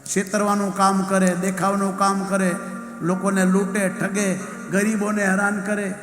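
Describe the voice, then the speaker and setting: High, bright-voiced exhorting preacher. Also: male voice, completely flat delivery, normal speed. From Gujarat. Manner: emphatic, exhorting, repetitive. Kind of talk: sermon storytelling. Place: temple hall. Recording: echoey hall, faint music.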